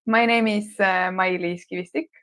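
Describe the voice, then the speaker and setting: A woman's voice: mid-range voice, fairly even intonation, moderate pace, fairly bright tone. Woman co-hosting a podcast. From Estonia. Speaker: podcast co-host. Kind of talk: casual podcast conversation.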